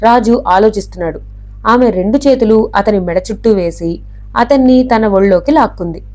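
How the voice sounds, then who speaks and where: Mellow woman reading a novel aloud. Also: mid-range voice, moderate pace. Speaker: narrator.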